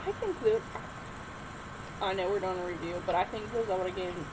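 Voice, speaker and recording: A woman co-hosting a laid-back game review, chatting easily and often breaking into laughter. Her voice sits at an ordinary middle pitch. A steady layer of background noise runs under the recording. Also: normal speed. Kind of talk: casual chat. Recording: noisy background hiss.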